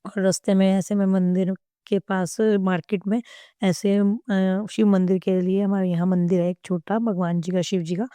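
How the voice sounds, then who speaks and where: A woman's voice: medium pitch, little pitch movement, normal speed, dark tone, clean tone, no echo. A young woman telling a devotional testimony in an earnest, reverent way, often restarting her sentences.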